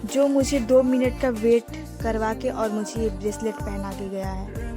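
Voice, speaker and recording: A woman's voice: on the high side, flat delivery, unhurried, loud music behind the voice. A young woman narrating her vlog in a casual, chatty way and talking to her viewers as friends. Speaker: vlogger.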